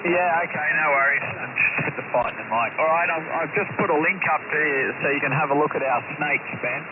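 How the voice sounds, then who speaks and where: A man's voice: fairly high pitch, a little fast, phone-quality sound. Blunt Australian man over hissy radio. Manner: blunt, opinionated ranting. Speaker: radio amateur. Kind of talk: ham radio contact. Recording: hissy shortwave radio signal.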